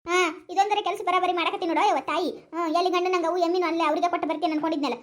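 A woman's voice: very high-pitched, steady tone, rapid-fire. A woman playing a practical, talkative village woman who questions and consoles her relatives, with a North Karnataka accent. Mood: chatty advice. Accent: North Karnataka Kannada. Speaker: village woman in comedy skit.

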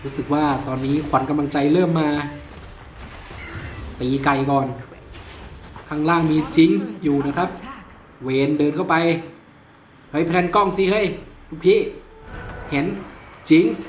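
A man with a slight cold giving excited voice-over commentary on his own gameplay, crying out in bursts and laughing often. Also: fairly high pitch, unhurried, pauses often, reverberant, a little hiss or hum. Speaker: gamer and video creator.

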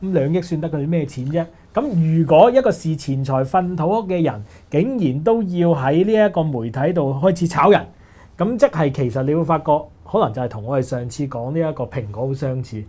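A man with a Hong Kong Cantonese accent, co-hosting a casual panel talk show, brisk and opinionated. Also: on the high side, lively intonation, dark tone. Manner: brisk, opinionated, says "喂" often. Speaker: co-host.

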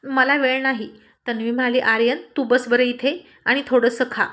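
A woman's voice: sits high, steady tone, normal speed, a bit bright. A woman narrating a family love story, reading all the characters' lines herself in a light, conversational tone.

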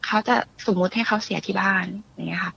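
A woman calling in to a radio talk show and telling her story in a fast, animated way. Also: fairly low pitch, gravelly, lo-fi sound, slight background noise. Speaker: caller. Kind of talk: casual chat.

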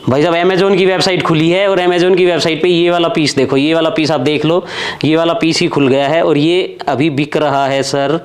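A man with a slightly high voice hosts a casual shopping vlog inside a large indoor warehouse. He talks eagerly, exclaiming often and asking questions, recorded close on a clip-on mic. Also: fairly even intonation, moderate pace. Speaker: vlogger host. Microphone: lapel mic.

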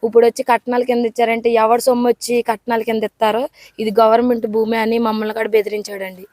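A woman's voice: a little high, flat delivery, fast talker, a little mellow. A woman earnestly pleading her case to reporters outdoors, repeating her complaints.

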